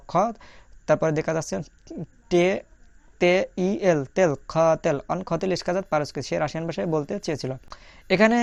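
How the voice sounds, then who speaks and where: A man teaching a language lesson over his screen, repeating each phrase slowly and spelling out the sounds letter by letter. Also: high-pitched, creaky, no echo.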